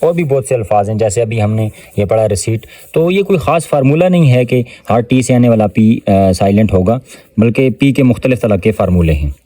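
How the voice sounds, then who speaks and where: A male English tutor with a Pakistani Urdu accent works through test questions in a mellow, low-key voice. His sentence readings come slow and deliberate, with pauses between his explanations. The sound is close and dry. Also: expressive, dry recording. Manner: explains step by step with frequent fillers. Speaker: English teacher. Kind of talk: test-prep lesson explaining answers.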